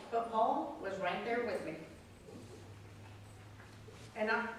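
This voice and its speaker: A woman telling her personal faith testimony as a guest speaker at a prayer group, earnest and storytelling, with emphatic pauses. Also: medium pitch, a bit bright. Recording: echoey room, mic far off, faint noise.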